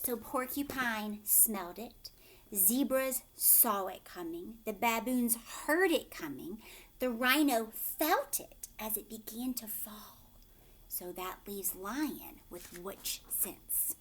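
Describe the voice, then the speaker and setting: A female teacher reads a storybook aloud to children, expressive and stressing key words while often posing questions. Her voice is a little high and her pace slow.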